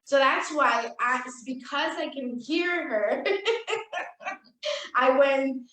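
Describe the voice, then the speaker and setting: A woman's voice: high voice, drawn-out words, fairly bright tone. A woman co-hosting a podcast, telling a story in casual chat and acting out the quoted lines. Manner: storytelling, acts out quoted dialogue. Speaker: podcast co-host. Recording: echoey, distant from mic.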